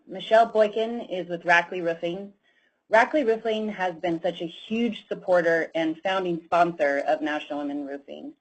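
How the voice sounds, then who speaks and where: A woman's voice: fairly low pitch, poor audio. A woman hosting a webinar, thanking speakers and introducing the next one in an effusive, enthusiastic way. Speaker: webinar host. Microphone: online call.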